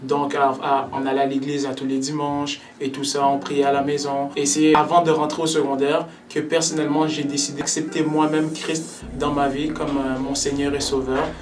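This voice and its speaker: A man's voice: a little high, monotone, normal speed. A nineteen-year-old man giving an earnest personal faith testimony, sometimes repeating words as he goes. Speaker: young church member giving testimony. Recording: distant mic with background music.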